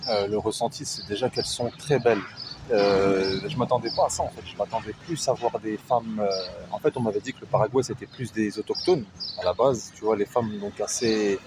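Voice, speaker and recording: A man from France and Canada with a medium-pitched voice gives an informal interview. He is hesitant yet opinionated as he talks. Clear outdoor city noise runs behind him. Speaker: interviewee, anonymous expatriate client. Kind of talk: casual testimony.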